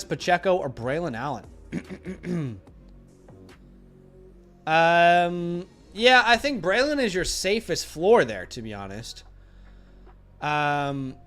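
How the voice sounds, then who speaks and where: A man in his young adult years hosts a casual fantasy football livestream. He rambles, gets animated and a bit exasperated, and is losing his voice. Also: high-pitched. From Australia. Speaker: fantasy football host answering live chat questions.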